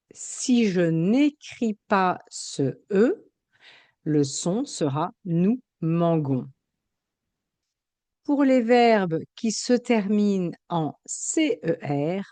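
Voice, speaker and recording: Slow, careful woman teacher. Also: mid-range voice, warm tone, no room sound. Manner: slow, careful, spelling out sounds and examples. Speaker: French teacher. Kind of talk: grammar lesson explanation.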